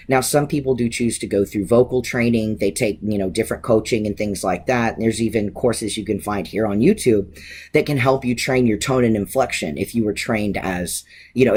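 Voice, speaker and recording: A man in his thirties with a fairly low voice and a breathy edge answers viewer questions in a casual, candid vlog. He's relaxed, with lots of ums and expressive inflections.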